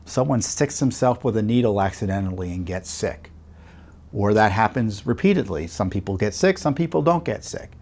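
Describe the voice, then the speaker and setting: A man's voice: fairly low pitch, animated, moderate pace, a little mellow. A middle-aged man hosting a commentary segment, talking in a conversational way with fillers and rhetorical questions. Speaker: host. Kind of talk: commentary to camera.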